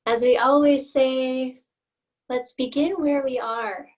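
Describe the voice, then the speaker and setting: A woman instructor leads a guided meditation, her phrasing gentle and inviting, with long pauses in between. Her voice is high and steady, and she's recorded from some distance away from the mic.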